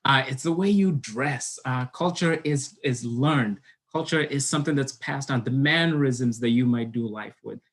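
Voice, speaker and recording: A young man from Kenya gives an online talk as a college admissions counselor. He speaks earnestly at a middle pitch, pausing often on "uh" and restarting his sentences as he goes. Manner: earnest, many fillers and restarts. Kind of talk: online presentation.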